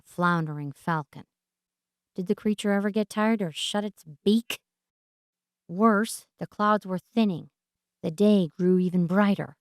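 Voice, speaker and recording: Woman, lowish pitch, dry sound, theatrical audiobook narration, first-person fantasy, deliberate dramatic pauses. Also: darkish tone, no room sound.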